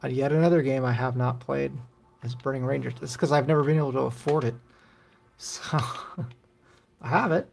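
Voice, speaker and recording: A middle-aged man streaming old console games live, chatting in a loose, rambling way with casual swearing. His voice has a gravelly edge of vocal fry. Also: mid-range voice, normal speed, pauses often, a little mellow. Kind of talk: casual gaming commentary.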